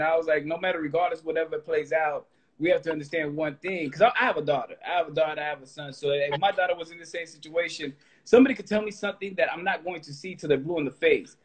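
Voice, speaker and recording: A husky-voiced man in his late thirties hosts a laid-back interview. His voice sits high for a man, and he talks loosely, tripping over repeated words before finding his point. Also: quick pace. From Texas. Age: 30s. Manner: loose, animated, repeats words when starting. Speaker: host. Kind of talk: casual interview chat.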